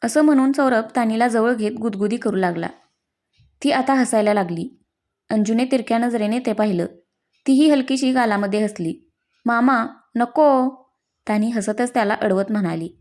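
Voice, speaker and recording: A woman reads a story aloud in a fairly high voice. She narrates at a steady pace and lifts her voice a little when the characters speak. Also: moderate pace.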